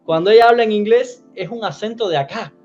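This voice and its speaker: A man's voice: high voice, fairly quick, darkish tone, dull audio, faint music behind. A man in his forties, a guest in an interview, explaining things earnestly and acting out quotes with animation. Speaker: immigrant guest. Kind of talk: casual interview chat.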